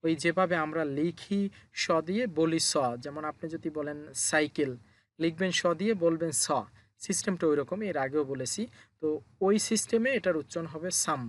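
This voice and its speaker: A man's voice: on the high side, moderate pace. A man with a Bangladeshi Bengali accent teaching a language lesson step by step. He asks his own questions, answers them, and repeats each sound.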